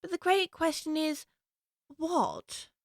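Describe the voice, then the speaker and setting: A woman's voice: high-pitched, sing-song, slow, gravelly, no echo, studio quality, exaggerated voice. An actress playing Alice, a curious, plucky young girl who thinks aloud earnestly to herself. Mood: musing.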